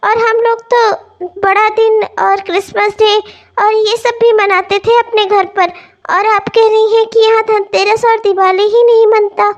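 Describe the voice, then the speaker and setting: A woman's voice: very high-pitched, level tone, measured pace, dull audio. A woman voicing a young, festival-loving newlywed housewife in a cartoon, talking eagerly and then sobbing and pleading. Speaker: cartoon voice actor. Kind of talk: cartoon voice acting.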